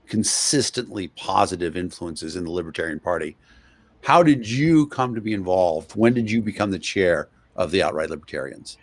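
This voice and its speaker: Low-voiced man hosting, dry sound. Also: lively intonation, normal speed, no echo. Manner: conversational, with frequent hesitations. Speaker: guest host. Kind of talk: interview hosting.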